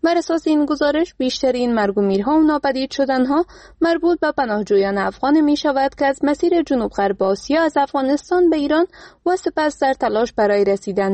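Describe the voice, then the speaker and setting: This is a woman reporter with an Afghan Dari accent delivering a scripted news report. She speaks steadily and formally in a slightly high, mellow, darker voice. The sound is close and dry. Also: no room sound.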